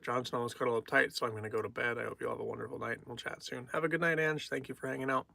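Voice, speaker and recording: A man's voice: medium pitch, fairly even intonation, very fast, creaky, bright, forceful tone, no room sound. A young man on a livestream, talking candidly and reflectively in a casual way, often trailing off and restarting his sentences. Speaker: poetry livestreamer.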